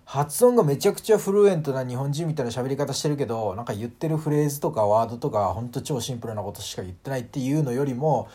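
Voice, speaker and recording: A man hosting a casual solo audio talk, animated and full of fillers, acting out sounds as he explains. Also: medium pitch, quick pace, few pauses, slightly rough. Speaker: podcast host.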